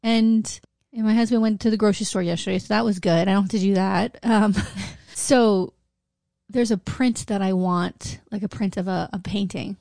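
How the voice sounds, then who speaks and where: A woman's voice: medium pitch, fairly even intonation, moderate pace, gravelly, mellow, dry recording, clean studio sound. A middle-aged woman co-hosting a podcast in casual, candid chat, blunt and sweary, her throat strained from screaming all day. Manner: blunt, profane, uses "like" constantly. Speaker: podcast co-host.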